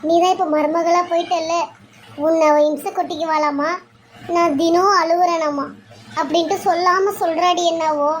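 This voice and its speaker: A woman's voice: extremely high pitch, fairly even intonation, moderate pace, slight background noise. A woman voicing a tearful, anxious middle-aged mother in a cartoon serial, weepy and worried.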